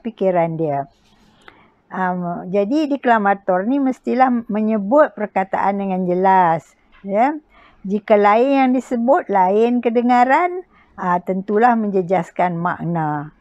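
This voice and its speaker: A Malaysian woman lectures informally as an instructor, at a slow, halting pace with many pauses. Her pitch is average for a woman. The recording is dry and a little dull. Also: a little mellow, no room sound. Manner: halting, with frequent pauses and checking tags. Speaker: poetry recitation instructor. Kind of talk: informal spoken lecture with examples.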